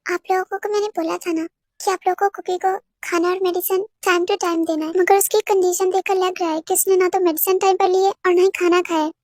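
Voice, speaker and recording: A woman's voice: very high-pitched, little pitch movement, brisk, a little mellow, no echo, clean studio sound. A woman doing a stern doctor. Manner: stern and matter-of-fact. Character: firm professional woman doctor.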